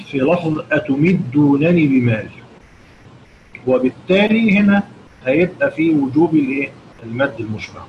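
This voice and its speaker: A man with an Egyptian Arabic accent teaching Quran recitation rules, asking his students rhetorical questions and answering them himself. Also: on the high side. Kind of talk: explanatory lesson with chanted recitation examples. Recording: dull lo-fi recording with noticeable background noise.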